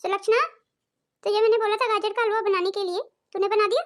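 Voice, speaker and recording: A woman voicing a domineering, quick-tempered older mother-in-law in a cartoon, scolding and bossy. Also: very high voice, fairly even intonation. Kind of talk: cartoon voice acting.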